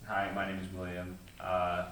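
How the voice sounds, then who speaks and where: Brief: very deep male voice, hesitant and halting, distant in an echoey room. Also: monotone, fairly bright tone, slight background noise. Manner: hesitant, filler-heavy speech. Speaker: observer on ghost hunt.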